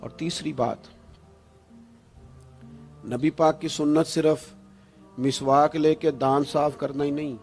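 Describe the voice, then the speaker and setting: A man with a Pakistani Urdu accent preaching a sermon, swinging from quiet asides to raised, ringing exhortation and acting out small dialogues. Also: fairly high pitch, steady tone, takes it slowly, vocal fry, long pauses, soft background music. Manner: quotes verse and plays out little dialogues.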